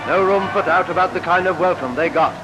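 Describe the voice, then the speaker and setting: Speaking a little fast in a high-pitched voice, a British man delivers rousing, declamatory wartime newsreel commentary from a script. It comes from a vintage 1940s film soundtrack, roughly recorded, with loud newsreel music in the background.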